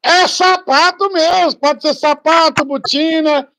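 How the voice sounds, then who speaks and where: High-pitched chatty woman guest. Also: fairly even intonation, takes it slowly, fairly bright tone. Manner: chatty, encouraging, rallying viewers. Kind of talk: casual live-stream chat.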